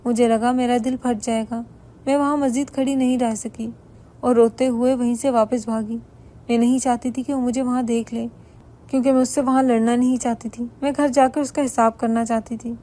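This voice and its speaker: Lady reading a bedtime story, flat steady delivery, soft dark tone. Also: on the high side. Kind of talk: first-person story narration.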